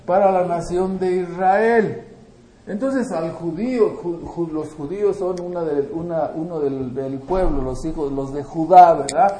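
High-voiced man preaching in an echoey hall. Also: measured pace, slight background noise. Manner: asks the congregation questions and answers them himself; swings between loud emphasis and quiet asides. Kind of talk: sermon.

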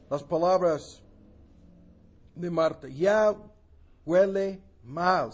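A high-voiced man delivers a sermon at an unhurried pace. His voice is husky, and he repeats key phrases with emphasis as he works through a Bible passage. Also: a little mellow. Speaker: preacher.

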